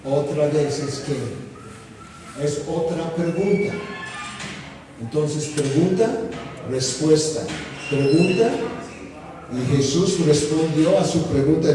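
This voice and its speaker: A man preaching a sermon as pastor, teaching slowly and deliberately with rhetorical questions. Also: fairly high pitch, background noise. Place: church hall. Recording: echoey hall from far off, faint ambience.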